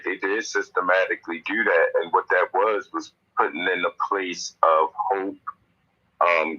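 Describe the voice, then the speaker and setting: A man's voice: deep voice, sharp tone. A man talking earnestly over a speakerphone call from his car, with frequent fillers and restarts. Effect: speakerphone call from a moving car. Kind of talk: casual discussion. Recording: dull, lo-fi car phone line.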